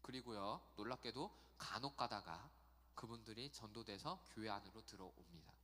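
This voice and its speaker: A man giving a youth sermon in a church, chatty and animated, telling stories and acting out quotes. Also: on the low side, normal speed, in a large hall. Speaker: youth pastor. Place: church sanctuary.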